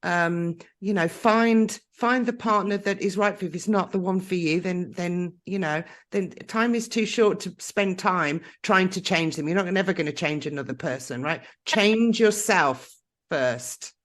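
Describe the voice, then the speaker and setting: A woman's voice: fairly low pitch, a little slow. A woman hosting a podcast interview, encouraging and openly emotional with her guest. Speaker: podcast host.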